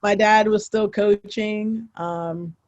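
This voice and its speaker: Young woman guest rambling thru her story, lots of ums and restarts, middle pitched voice. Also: slow, dull audio. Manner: relaxed, rambling with many fillers and restarts. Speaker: podcast guest, former college footballer. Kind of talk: casual interview storytelling.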